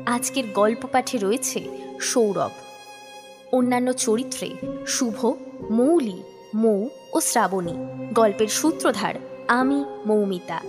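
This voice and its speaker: A woman host announcing the credits of an audio story in a slow, deliberate way. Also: fairly high pitch. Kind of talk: scripted announcement. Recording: voice over background music.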